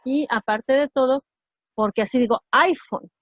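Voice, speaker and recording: Patient woman teaching pronunciation slowly. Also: high-pitched, no echo, highs cut off. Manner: patient, slow, checks understanding with repeated "¿sí?". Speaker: English teacher. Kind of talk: online class explaining pronunciation.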